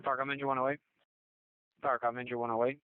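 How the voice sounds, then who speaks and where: Brisk man on police-style emergency radio. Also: medium pitch, level tone, clear, resonant tone, no room sound. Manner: clipped, procedural. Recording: thin phone-like radio channel.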